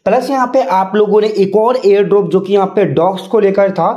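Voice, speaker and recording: A man's voice: high-pitched, steady tone, a little fast, dark tone, lo-fi sound. Insistent chatty man explaining on screen. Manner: chatty, repeats filler phrases, mixes in English words; insistent, direct address to viewers. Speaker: crypto YouTuber. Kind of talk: casual screen-walkthrough explainer.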